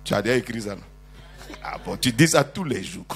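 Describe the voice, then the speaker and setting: With faint music in the background, a bishop preaches in a fairly low voice at a fairly quick pace. He prompts the congregation to respond amen, teases them with humor, and rises to loud prophetic declarations in lively call-and-response fashion.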